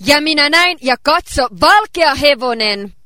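A woman interpreting a sermon phrase by phrase, relaying each line in a steady way. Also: high voice.

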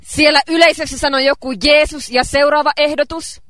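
A woman with a very high, bright voice interpreting a sermon line by line. She is recorded dry and close, and relays each phrase steadily. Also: steady tone, dry recording.

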